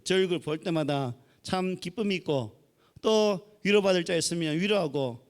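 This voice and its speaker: A middle-aged man with a Gyeongsang accent preaching a folksy sermon and joking with the congregation. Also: sits high. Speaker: pastor.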